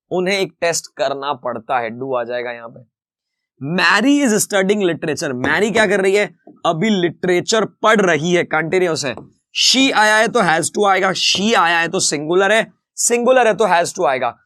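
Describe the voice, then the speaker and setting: A man teaching a grammar lesson in a lively, chatty tone. He often calls his viewers "friends" and reads each example sentence slowly before explaining it. His voice sits high and the recording is dry and close. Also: no room sound. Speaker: English teacher.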